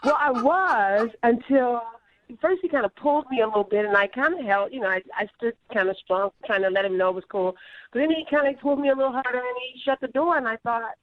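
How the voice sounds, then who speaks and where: Woman over the phone, fairly high voice, relaxed and matter-of-fact, muffled, dry line. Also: quick pace. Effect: heard over the phone. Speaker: caller. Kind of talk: casual chat.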